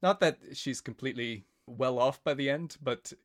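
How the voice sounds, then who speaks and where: A man's voice: medium pitch, moderate pace. A man hosting a film podcast in casual chat, hesitant, with many fillers and restarts. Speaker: podcast host.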